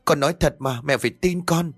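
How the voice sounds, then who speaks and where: A man's voice: a little high, brisk, dry recording, studio quality, soft background music, voice pushed up. Man doing a terrified pleading young girl. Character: frightened teenage girl, trembling and pleading.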